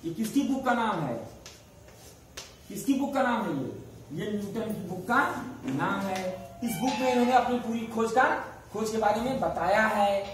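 A male science teacher with a high, expressive voice speaks at a normal pace while leading a classroom lesson in a very echoey room, recorded by a distant camera. He keeps posing questions to his students, answering them himself, and repeating every key term. A faint hiss sits beneath the audio.

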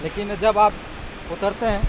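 A man's voice: sits high, steady tone, a little slow, noisy background. A young man narrating a casual travel vlog outdoors in a forest, filming himself at arm's length and chatting about the sights. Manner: chatty, touristy, praising the sights. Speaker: travel vlogger. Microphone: phone or camera held at arm's length.

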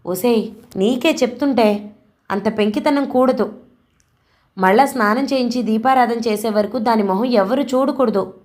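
A harsh older aunt who snaps and scolds, voiced by a woman pitched a little higher than a plain reading voice. She bites off her lines in a storybook tale. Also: moderate pace, a little mellow, close to an everyday voice. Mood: scolding. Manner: snapping, scolding.

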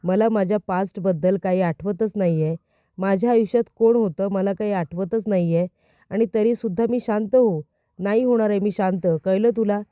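A woman's voice: medium pitch, normal speed, mellow, clean tone, no room sound, close to an everyday voice. Woman reading the part of a distraught young woman, volatile and pleading.

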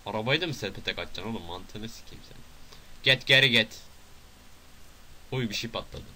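A young man from Turkey giving casual gameplay commentary, excitable, swearing, swinging between loud outbursts and mutters. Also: fairly low pitch, moderate pace.

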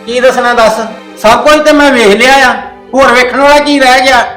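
A man's voice: extremely high pitch, steady tone, a little fast, pushed and bright, roomy sound, soft background music. A man playing a stern, harsh village father. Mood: angry. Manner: harsh and scolding. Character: stern, proud village father of grown daughters. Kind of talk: domestic drama acting.

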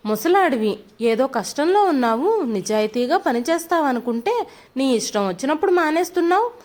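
A harsh, bullying rich man barks orders in an audio storybook, as a woman narrator reads his part. The delivery sits high and swings widely as he scolds. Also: sing-song, moderate pace. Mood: angry scolding. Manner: shouting, scolding.

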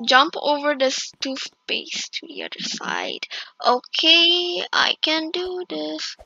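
A woman's voice: high voice, wildly swooping pitch, slow, gravelly, pushed and bright. A woman giving casual gameplay commentary, chatting and reacting aloud to herself as she plays, on a slightly lo-fi recording. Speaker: gaming video host.

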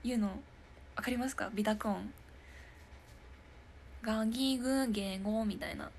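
On a live stream talk show, a young idol in her twenties answers viewer comments with giggles and easy chatter, laughing a lot. Her voice is on the high side and fairly quick, with a darkish tone. Slight background noise can be heard.

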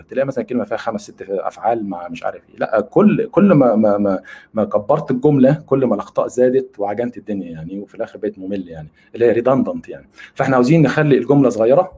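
A man's voice: mid-range voice, dark tone, slightly rough. A middle-aged man with an Egyptian accent giving a casual webinar lecture, rambling and mixing in English terms. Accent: Egyptian Arabic. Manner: rambling, mixes English terms into colloquial speech.

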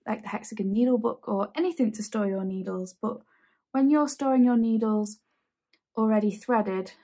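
This English woman in her thirties, host of a sewing channel, has a voice on the high side with a dark tone and talks at normal speed. Filming a casual tutorial in her home sewing room, she's chatty, enthusiastic and repeats phrases.

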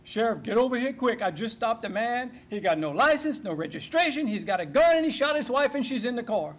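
A man with a Cajun accent playing an excited parish deputy, loud and urgent. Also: sits high, fairly quick, slightly rough, exaggerated voice. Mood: alarmed. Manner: loud, urgent, rattling off the charges.

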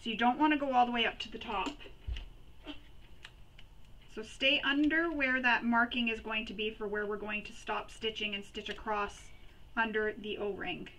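A woman hosting a sewing tutorial, giving practical step-by-step instructions and pausing while she works. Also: fairly high pitch, flat delivery, bright, forceful tone, recorded from a distance, a little hiss or hum, rough recording. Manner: chatty and practical, pauses while working.

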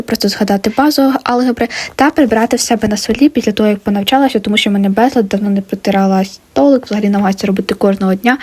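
Fast-talking young woman with a breathy voice. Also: medium pitch, darkish tone. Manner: chatty, enthusiastic, shows things to viewers. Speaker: art vlogger. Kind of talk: casual vlog narration. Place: rural home.

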